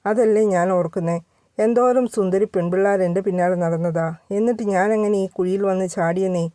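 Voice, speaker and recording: Woman reading spirited young woman, sassy banter, mellow, dry. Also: mid-range voice, normal speed, dry recording, lightly acted.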